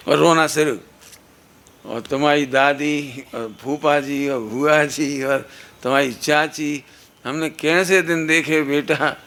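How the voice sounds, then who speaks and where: A man's voice: a little high, bright, forceful tone. A man voicing a weary, grumbling mother. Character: weary complaining mother lamenting hardships.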